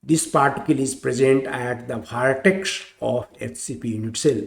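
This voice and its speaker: A man teaching chemistry in a slow, deliberate lecture, repeating each point step by step. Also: mid-range voice, vocal fry, reverberant.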